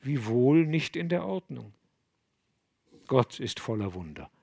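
A man voicing a gentle, kindly old abbot who speaks in a soft, low, soothing voice. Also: big pitch swings, slow pace, gravelly, slightly rough, dry recording, heavily acted. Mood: consoling.

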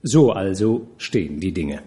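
A man reading a classic novel aloud as an audiobook narrator, expressive and measured. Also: low-pitched. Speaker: audiobook reader. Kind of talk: scripted narration.

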